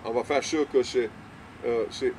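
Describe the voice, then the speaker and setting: An older man speaks with a Cajun French accent in a casual interview. His delivery is halting and repetitive, with English words dropped in. A faint layer of vehicle noise sits behind his voice. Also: mid-range voice, fairly even intonation, darkish tone. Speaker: small-town mayor being interviewed.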